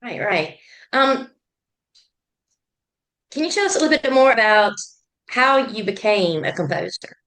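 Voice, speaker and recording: A woman's voice: medium pitch, very animated, unhurried, pauses often, a bit bright. A woman interviewing a film composer, asking brief questions.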